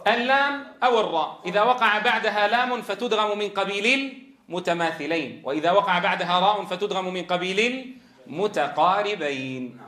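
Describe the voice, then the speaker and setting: A man's voice: high-pitched, bright, forceful tone. A man teaching Quran recitation rules, quizzing his students with questions and then answering them himself. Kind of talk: tajweed rules lesson. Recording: roomy echo.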